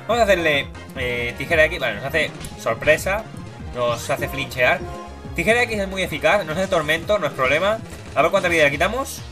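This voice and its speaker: Speaking with animation and at a fairly quick clip, a young man offers lighthearted commentary on the video game he's playing for his YouTube channel. He puts on goofy high voices for the characters, with the game's music running underneath.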